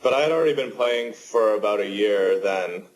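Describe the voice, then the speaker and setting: A man's voice: lowish voice, normal speed, poor audio. A man in his twenties, a poker player guest, answering casually with lots of fillers and restarts. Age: 20s. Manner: relaxed, rambling with many fillers and restarts.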